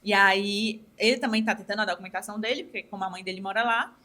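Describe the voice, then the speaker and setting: A woman's voice: mid-range voice, quick pace, pushed and bright. A woman in her twenties with a Brazilian accent from Ceará, chatting as a podcast guest and acting out quoted dialogue with animation. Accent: Ceará Brazilian Portuguese. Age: 20s. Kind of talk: casual interview chat.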